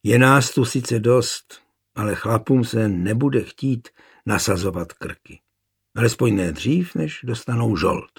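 A man voicing a gruff, rebellious soldier who grumbles defiantly, in a gravelly, husky voice. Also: mid-range voice, lively intonation. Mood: grumbling.

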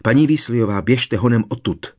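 An alarmed teenage boy wizard in an audiobook, read by a man. He calls out with an urgent, raised voice, a little higher than the narration. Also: animated, darkish tone, lightly acted.

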